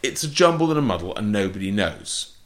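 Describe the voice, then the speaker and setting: A fairly low, slightly bright voice with a sing-song lilt and brisk pace comes from an English port wine author in an interview. Precise and explanatory, he delivers facts in short, clipped phrases.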